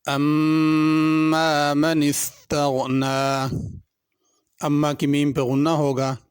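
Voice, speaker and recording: A man's voice: mid-range voice, darkish tone, no room sound, clean studio sound. A man with a Pakistani Urdu accent teaching Quran tajweed, patiently and methodically explaining each pronunciation rule. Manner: patient, methodical, repeats each word slowly before explaining the rules. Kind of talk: tajweed lesson, alternating slow drawn-out recitation with spoken explanation.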